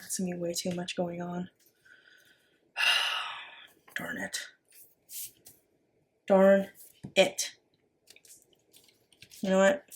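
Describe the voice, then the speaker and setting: Rambling American woman with heavy vocal fry. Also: lowish voice. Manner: rambling, thinking aloud. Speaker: craft vlogger. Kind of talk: casual chat while working.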